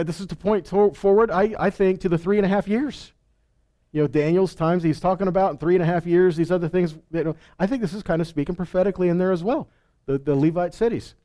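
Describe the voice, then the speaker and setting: A male Bible teacher with a notably high but dark-toned voice delivers a conversational, didactic sermon, posing questions and then answering them himself.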